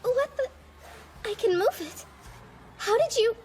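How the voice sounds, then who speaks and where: A squeaky timid schoolgirl. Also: expressive, unhurried. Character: timid high school girl with a numb leg. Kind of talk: anime English dub acting. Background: background score.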